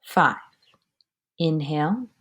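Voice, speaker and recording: Slow, low-voiced woman guiding meditation. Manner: calm, measured, often trailing into breathy near-whisper. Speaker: meditation guide. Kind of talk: guided breathing meditation, slow instruction and counting.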